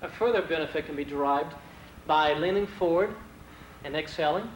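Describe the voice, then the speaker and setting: A man leading stretching exercises with calm, steady commands and counted reps, heard from a worn VHS tape copy. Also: a little high, moderate pace, reverberant, a little hiss or hum, low-quality recording. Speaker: martial arts instructor.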